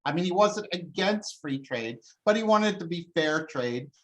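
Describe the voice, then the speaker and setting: A man speaking as an interviewed scholar, his voice sitting a bit high and swinging widely in pitch. He talks in a loose, conversational way, full of restarts and "you know"s as he builds his case. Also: normal speed, low-quality recording. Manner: animated, lively explaining with many fillers and restarts.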